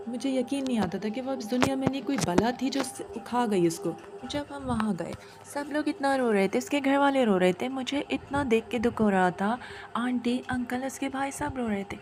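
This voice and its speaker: A woman's voice: on the high side, darkish tone. A woman narrating a horror story in an anxious, fearful manner, voicing several of its characters herself.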